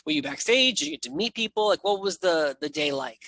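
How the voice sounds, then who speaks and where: A man hosting a casual interview, talking in an animated, emphatic and conversational way. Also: fairly high pitch, brisk, no room sound. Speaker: interview host.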